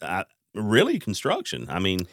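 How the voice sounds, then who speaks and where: A man's voice: deep voice, wildly swooping pitch, normal speed, fairly bright tone, no room sound. A man hosting a podcast, chatting casually with fillers and restarts. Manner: conversational, lots of fillers and restarts. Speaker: podcast host. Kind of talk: casual interview chat.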